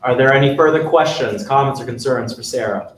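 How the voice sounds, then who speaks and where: A young man chairing a student meeting, moving briskly through the agenda with formal phrases. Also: medium pitch. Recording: echoey hall, far mic, faint noise.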